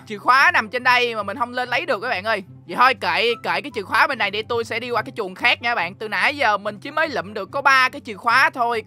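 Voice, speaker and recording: A young man with a Southern Vietnamese accent giving chatty, excitable let's-play commentary, teasing the game's characters and talking straight to his viewers. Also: very high-pitched. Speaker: gaming YouTuber.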